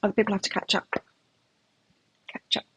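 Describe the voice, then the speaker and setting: A woman's voice: brisk, fairly bright tone, no room sound, rough recording. A middle-aged woman with a mixed British and Australian accent, chatting and musing aloud as she reads tarot cards live. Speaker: tarot reader. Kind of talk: live tarot reading chat.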